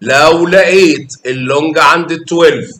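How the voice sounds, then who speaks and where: At a normal speed, his voice pushed and bright, a math teacher with an Egyptian Arabic accent teaches young children. He's patient and warm, using pet names to keep them going, and the recording has classroom echo and a faint rumble.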